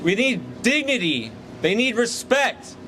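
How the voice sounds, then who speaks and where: A man's voice: very high-pitched, sing-song, a little slow, crowd noise. Rousing union man speaking outdoors. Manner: rousing, call-and-response chanting. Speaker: union president at a rally. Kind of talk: rally speech. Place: outdoors by hotels.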